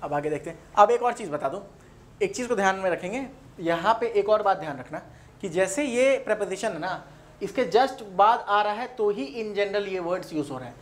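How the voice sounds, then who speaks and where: A man with an Indian accent teaches English grammar in an informal lecture at an exam coaching class, using example sentences and repeating key points. His voice is high, expressive, and fairly quick.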